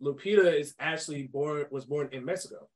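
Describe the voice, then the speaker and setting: Podcast host, young adult male, slightly higher voice, emphatic and lively. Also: brisk. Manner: animated, emphatic, laughs often. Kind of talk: casual movie discussion.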